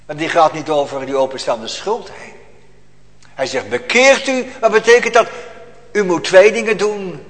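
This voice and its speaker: Male pastor, high-pitched, solemn and emphatic sermon delivery, reverberant church hall. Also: normal speed. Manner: solemn, emphatic pulpit preaching.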